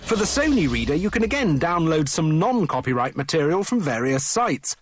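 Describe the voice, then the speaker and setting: A man presenting a tech review in a brisk, explanatory voice-over. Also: fairly high pitch, very animated, slight background noise.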